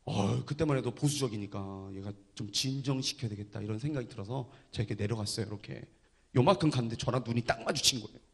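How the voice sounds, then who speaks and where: A man preaching a sermon and telling his story with drama, dropping from loud to hushed. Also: medium pitch, fast talker, vocal fry. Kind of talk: sermon testimony.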